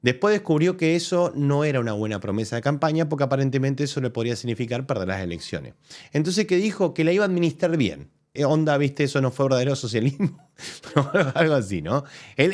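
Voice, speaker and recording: The host, a political commentator with an Argentine Spanish accent, argues animatedly through casual commentary on a press conference during a live show. His pitch is medium and his pace brisk. He thinks aloud, restarting frequently.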